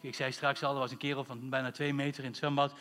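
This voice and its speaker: A man's voice: mid-range voice, little pitch movement, quick pace, fairly bright tone, long reverb tail. A man preaching a sermon as pastor, emphatic, drawing out words for stress and asking rhetorical questions.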